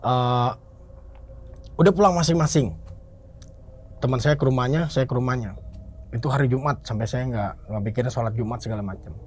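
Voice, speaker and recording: A man telling a story casually, his voice jumping high as he relives the pain. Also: brisk, pauses often, darkish tone. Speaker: interviewee telling a ghost story.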